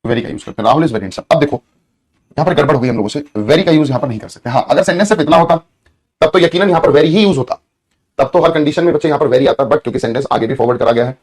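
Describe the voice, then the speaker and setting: Talking very fast in a fairly high, slightly mellow voice, a man leads an English grammar lesson geared toward exams. He goes over points repeatedly, asks his students questions, and draws words out when dictating.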